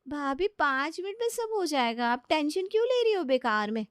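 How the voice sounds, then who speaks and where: A woman voicing a lazy, carefree young bride who talks in a drowsy, drawn-out voice. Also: high-pitched, sing-song, no echo, studio quality, pitched above the performer's own voice. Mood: sleepy, dawdling.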